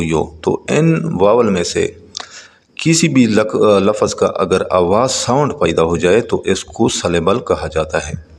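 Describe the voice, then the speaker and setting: Deep, gravelly male teacher. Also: in a large hall. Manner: reads English lines slowly then explains them; frequent hesitation fillers. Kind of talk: textbook lesson explanation.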